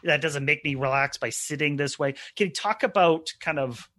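A man's voice: a little high, pushed and bright. A man hosting a podcast, asking long questions with many restarts and repeated words. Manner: halting, repeats words while framing questions. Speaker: podcast host. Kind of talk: podcast interview.

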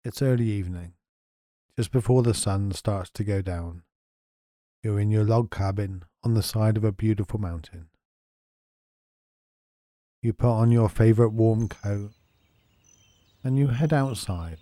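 Male meditation guide, very mellow and warm, gentle soothing delivery, dry close sound. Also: on the low side, dry recording. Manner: soft, slow and soothing.

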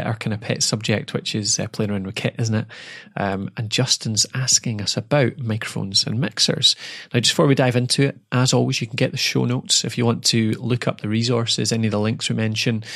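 Gravelly-voiced chatty podcast host. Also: male voice, mid-range voice, fairly bright tone, no room sound, clean studio sound. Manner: chatty, laughs easily, frequent tag questions. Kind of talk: casual chat.

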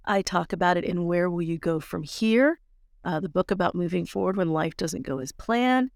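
A woman's voice: on the low side, vocal fry, no room sound. Emphatic woman coaching on a podcast, dry sound. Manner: emphatic, repeats key phrases, speeds up and slows down to stress words. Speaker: podcast host and life coach. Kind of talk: motivational coaching podcast talk.

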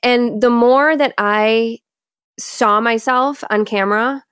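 A woman's voice: on the high side, fairly even intonation, slow pace, a bit bright, smooth, no room sound. A woman with a Michigan Great Lakes accent talks as an interviewer in casual conversation. She is candid and informal, thinking aloud about herself, in a dry, close-sounding recording. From Michigan, United States.

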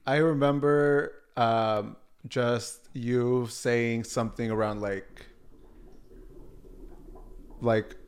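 A young man from Mexico, guesting on a podcast, speaks at a middle pitch. He answers in a measured, thoughtful way and sometimes stops to rephrase. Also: steady tone, clear, resonant tone. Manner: measured, thoughtful, corrects himself. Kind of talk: casual chat.

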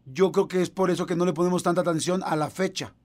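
A man's voice: fairly even intonation, fast talker, a little mellow. A man with a Mexican accent chatting casually as a podcast co-host, telling jokey stories. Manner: jokey storyteller, mimics women in a high voice. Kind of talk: casual chat.

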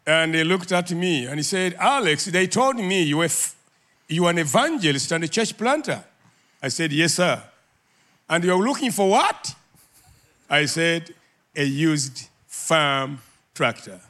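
Older man from uganda, slow unhurried storytelling, bright voice, animated, laughs often. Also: a little high. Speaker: guest, ministry leader. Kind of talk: storytelling in an interview.

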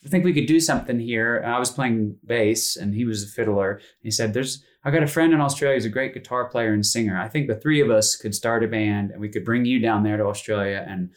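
A man in his thirties from North Carolina, a musician telling his story in a casual interview, relaxed and rambling with frequent fillers and restarts. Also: medium pitch, fairly quick, few pauses. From North Carolina, USA. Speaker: musician guest.

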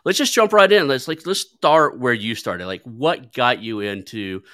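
A podcast host with a medium-pitched, bright, forceful voice talks a little slowly in a loose, conversational interview style. He stumbles, restarts often and leans on fillers like "like." The studio-quality sound has no echo.

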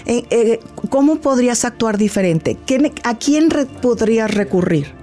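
A woman's voice: on the high side, lively intonation, normal speed, faint music behind. A middle-aged woman, a grief therapist, explaining patiently and acting out little talks with a child. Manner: warm, didactic, acts out little dialogues with a child. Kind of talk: explanatory interview talk.

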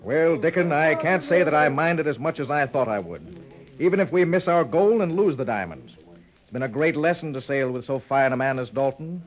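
Guy playing sincere proper gentleman in old radio sea drama, formal talk, muffled lo-fi. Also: fairly high pitch, animated, fairly quick, close to an everyday voice. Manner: earnest, formal, free of sailor slang. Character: earnest, well-spoken gentleman on a sea expedition. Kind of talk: old-time radio adventure serial acting. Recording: dull lo-fi old radio recording.

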